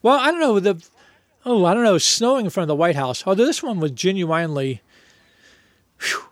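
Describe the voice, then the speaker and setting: A middle-aged man with a somewhat high voice tells stories in a relaxed interview. His talk is animated and breaks into laughs. The sound is dry and close. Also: moderate pace, dry recording. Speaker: band member telling stories. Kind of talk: casual conversational storytelling.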